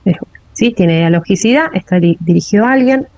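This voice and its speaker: A woman's voice: mid-range voice, lively intonation, a little fast, darkish tone, no echo, low-quality recording. A woman with a Rioplatense Spanish accent giving a classroom lecture on linguistics, often checking in with a rising "¿sí?". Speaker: teacher.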